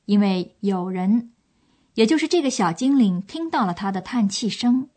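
A woman's voice: mid-range voice, animated, moderate pace, mellow. A woman presenting a language course with scripted, explanatory storytelling narration.

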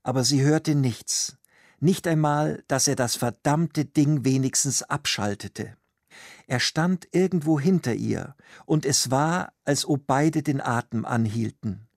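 Slow, gravelly male storyteller. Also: mid-range voice, no echo, clean studio sound. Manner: calm, measured. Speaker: narrator. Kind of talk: slow scripted narration for language learners.

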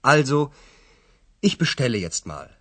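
A man's voice: medium pitch, very animated, slow. A man voicing a polite male restaurant guest ordering food in a language-course dialogue. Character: polite male guest, embarrassed by his inner voice.

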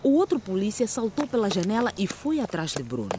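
A woman's voice: medium pitch, big pitch swings, a little fast, darkish tone, a little hiss or hum. A woman narrating a scripted dramatic story as its storyteller.

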